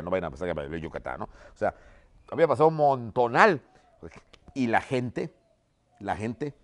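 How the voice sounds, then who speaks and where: A man, a history teacher, giving a vivid storytelling lesson and often checking in with "¿ok?". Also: on the low side. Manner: keeps adding "¿ok?" as a check-in; vivid, animated retelling.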